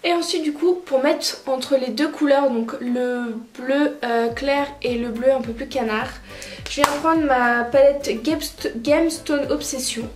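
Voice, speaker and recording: A woman narrating a makeup tutorial as a vlogger, chatty and relaxed with lots of filler words. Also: sits high, unhurried. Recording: roomy echoey room, faint music.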